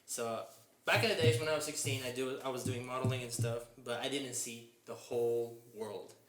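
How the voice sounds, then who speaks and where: Appearing as a guest on a laid-back podcast, this young fitness mentor from Japan, in his 20s, talks earnestly but haltingly, often stringing thoughts together with "and then." His voice is medium-pitched and steady, recorded in an echoey room with a little background noise.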